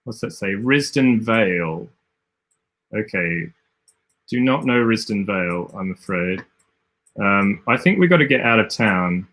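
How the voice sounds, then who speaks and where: A man's voice: fairly low pitch, animated, measured pace, long pauses, a bit bright. An Australian man casually commentating a livestream while he plays, rambling and thinking aloud with frequent self-corrections. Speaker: game design streamer.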